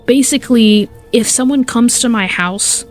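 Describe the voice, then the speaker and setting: A woman giving casual, animated gameplay commentary, exclaiming and swearing as she reacts. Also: a little high, moderate pace, soft background music. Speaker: gaming YouTuber.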